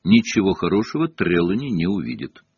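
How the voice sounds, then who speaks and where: A man narrating an audiobook with expressive storytelling. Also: low-pitched, brisk, slightly rough, dry recording. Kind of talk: audiobook reading. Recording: dull lo-fi cassette audio.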